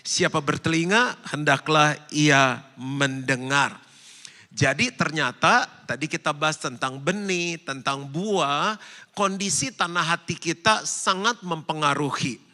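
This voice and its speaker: A man's voice: a little high, pushed and bright, big-room sound. A male pastor giving a casual, joking sermon and asking the congregation questions.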